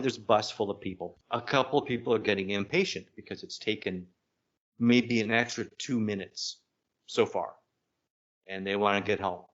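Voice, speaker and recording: A man co-hosting a podcast, telling a story in a casual, animated way that keeps breaking off and restarting. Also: fairly low pitch. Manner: animated, self-interrupting anecdote telling. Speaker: podcast co-host. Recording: dull lo-fi sound.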